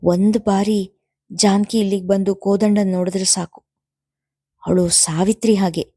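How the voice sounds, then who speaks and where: A woman reading the lines of an older, devout mother-in-law, firm and quiet. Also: medium pitch, fairly even intonation, a little slow, breathy edge, no echo, studio quality. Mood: resolute.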